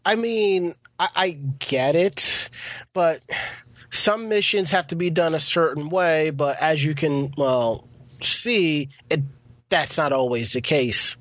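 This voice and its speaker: A man's voice: on the high side, slow, fairly bright tone, no echo. A man co-hosting a podcast, chatting casually in an easygoing way about anime and conventions. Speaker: podcast co-host and audio handler. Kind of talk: casual chat.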